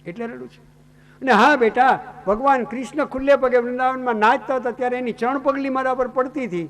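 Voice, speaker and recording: A man's voice: very high-pitched, fairly even intonation, a little fast, a bit bright, pitched above the performer's own voice. A man voicing a grieving, motherly cow who stands for the earth, as part of a story sermon. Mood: sorrowful. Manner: sorrowful, motherly.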